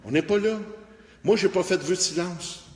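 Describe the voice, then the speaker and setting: A man preaching a lively Bible study with a Québécois French accent, breaking into shouted praise words. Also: sits high, normal speed. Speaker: pastor. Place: church. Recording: echoey church hall, faint noise.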